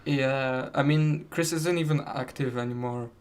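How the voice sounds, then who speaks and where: Relaxed male podcast co-host with an average-pitched voice, loose and halting delivery. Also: smooth. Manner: laid-back, swears, halting restarts. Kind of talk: casual chat over voice call. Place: his room at home.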